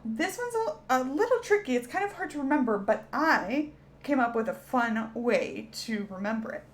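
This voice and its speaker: A woman teaching a children's alphabet lesson, cheerful and encouraging as she speaks to young kids. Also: sits high.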